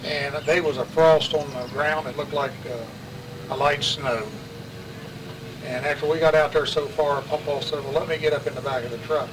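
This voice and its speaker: A man's voice: on the high side, steady tone, normal speed. An older man with an Appalachian West Virginia accent, telling family stories in a rambling, colloquial, folksy way. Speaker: interviewee sharing family memories. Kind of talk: casual oral-history storytelling. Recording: distant mic, clear outdoor traffic noise.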